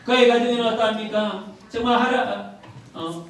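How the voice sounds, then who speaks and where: High-voiced pastor in his fifties, echoing. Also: moderate pace, slight background noise. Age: 50s. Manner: earnest, asks the congregation rhetorical questions; filler "어때" often. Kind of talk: sermon. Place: church sanctuary. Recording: very echoey, from a distance.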